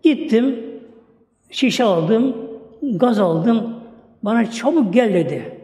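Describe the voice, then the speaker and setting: A man's voice: high voice, expressive, takes it slowly, mellow, voice pushed up. A man voicing a frightened young slave girl who pleads as she tells what happened. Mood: pleading, scared. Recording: echoey hall reverb.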